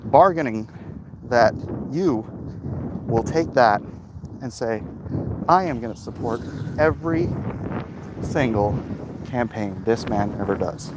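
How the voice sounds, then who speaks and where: Lively intonation marks this mid-range male voice, which moves slowly with many pauses. He's a comic artist streaming to viewers from his phone on an outdoor walk, casual, rambling, and emphatic against a noisy background.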